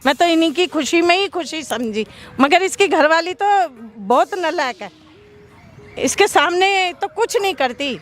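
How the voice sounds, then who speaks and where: A woman's voice: very high voice, expressive, unhurried, fairly bright tone, faint music behind. An older woman telling her grievances in an aggrieved, pleading way. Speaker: mother in a family dispute.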